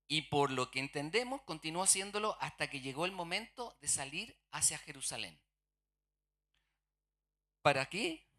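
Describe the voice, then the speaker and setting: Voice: mid-range voice, sharp tone. A preacher, giving a sermon in a church and throwing rhetorical questions at the congregation before answering them.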